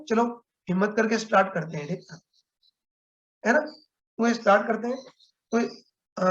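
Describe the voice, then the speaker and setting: A man with a high voice runs an online physics lesson by video call, walking through each step and often stopping to check on students. The sound is lo-fi.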